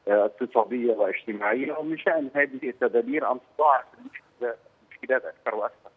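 A man's voice: mid-range voice, breathy edge. Man on a poor, tinny phone line. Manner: hesitant, pauses to search for words. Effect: poor-quality phone line. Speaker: political analyst. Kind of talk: phone interview on a news program. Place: Beirut, by phone.

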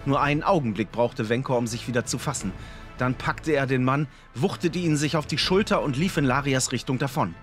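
A man narrating a fantasy audiobook in a dramatic, expressive storytelling manner. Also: medium pitch, fairly quick, faint music behind.

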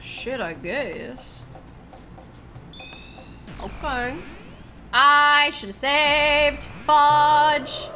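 A woman's voice: sits high, drawn-out words, long pauses, bright, forceful tone. A woman in her thirties giving casual, chatty gameplay commentary as a streamer, often exclaiming in surprise. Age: 30s. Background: game music.

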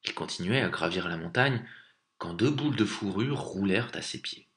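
A man reading a folk tale aloud as a storyteller, with expressive, lively narration. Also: low-pitched, moderate pace.

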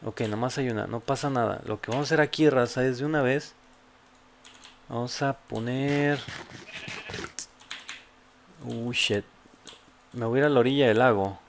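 A man with a Mexican accent giving casual, profane commentary as he plays a game, often bursting into loud yelps. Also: mid-range voice, moderate pace, gravelly, long pauses, a little hiss or hum. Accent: Mexican Spanish. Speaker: gameplay YouTuber.

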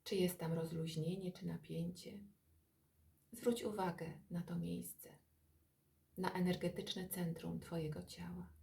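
In this relaxation body-scan meditation, a woman's low, gravelly voice moves very slowly. Her phrasing is gentle and calm, with long silences between phrases.

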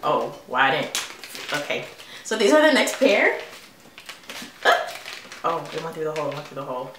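A young woman in her twenties, a beauty vlogger at her lighted bedroom vanity, playfully chats to camera about sunglasses she was sent in a casual haul vlog. Her low voice swings widely in pitch, a bit bright at normal speed, recorded far from the mic in an echoey room with slight noise. She rambles and calls viewers honey.

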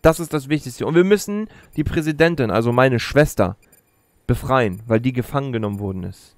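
This man in his thirties has an expressive, medium-pitched voice and talks fairly quickly, with no room sound. He hosts a let's play from an indoor streaming setup, using a close streaming mic at his gaming chair for chatty, explanatory, casual gameplay commentary.

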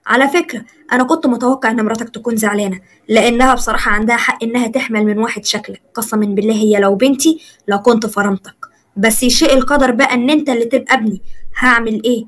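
A blunt older father scolds his grown son in an Egyptian accent, put on by a woman telling the story. The tone is stern. The pace stays quick. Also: fairly high pitch, steady tone, lightly acted. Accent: Egyptian Arabic.

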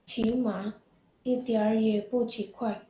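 A woman's voice: a little high, fairly even intonation, slow pace, warm tone. A woman student carefully reading sentences aloud in an online class over a video call. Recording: echoey room.

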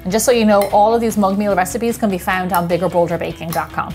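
A woman's voice: mid-range voice, level tone, fast, a little mellow, soft background music. An Irish woman hosting a casual home cooking vlog, chatting upbeat as she explains each step in her kitchen. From Ireland. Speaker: baking show host.

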